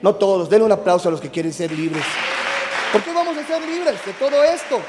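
A man's voice: high voice, fairly quick, over a noisy crowd, very noisy. A man with a Mexican Spanish accent preaching a youth sermon to a live congregation in a church hall, chatty and teasing, quizzing the audience as he goes. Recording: echoey hall with long reverb.

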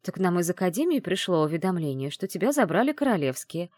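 A woman reading the part of a caring, shrewd middle-aged witch mother in an audiobook, in a gentle, teasing way. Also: on the low side, big pitch swings, fast, no room sound, clean studio sound. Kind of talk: audiobook character voice.

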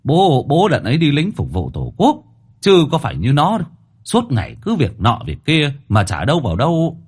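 An anxious middle-aged father who stumbles over his words, played by a storyteller. The delivery is husky and swings widely in pitch. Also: huge pitch swings, moderate pace, darkish tone, exaggerated voice. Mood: grumbling. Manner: stammering, tearful pleading.

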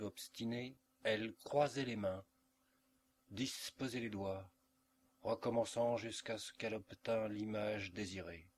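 A male audiobook reader narrating literary fiction with a measured, expressive delivery. His voice sits on the low side and he takes his time. A faint hum lingers beneath the home recording.

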